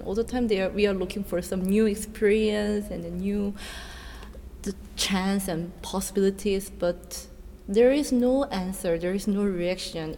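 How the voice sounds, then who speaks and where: Woman, 30s, Korean accent, native Korean, earnest halting English, faint background noise. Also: on the low side, warm tone. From South Korea. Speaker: dancer and choreographer. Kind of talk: interview answers. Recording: reverberant room with faint noise.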